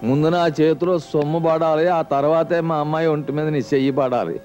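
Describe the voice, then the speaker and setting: Gruff older father-in-law, raised pitch, muffled soundtrack, demanding, played by a man. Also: fairly even intonation, a little fast, a little mellow, soft background music, close to an everyday voice. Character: stubborn, money-grabbing old father-in-law. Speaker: bride's father. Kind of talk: film comedy acting.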